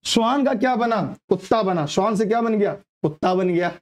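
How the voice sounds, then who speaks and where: A man's voice: sits high, fairly quick. A man teaching a grammar lesson for exam prep, asking questions and answering them himself. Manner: quizzing, asks and answers own questions.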